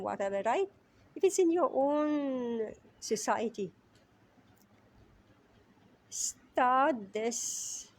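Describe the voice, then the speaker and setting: A woman's voice: fairly high pitch, dark tone. Chatty teaching woman from Mauritius. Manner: conversational, frequent "right?" tag questions; chants verses slowly. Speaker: class teacher. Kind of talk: scripture class.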